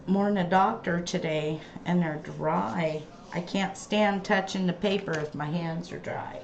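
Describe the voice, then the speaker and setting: Speaking from her craft room, this livestream host has a fairly low, darkish voice and a slow, chatty manner, often trailing off mid-sentence. A hollow, tinny effect makes her sound like she's in a tin can, and the dull, echoey lo-fi audio carries faint background noise.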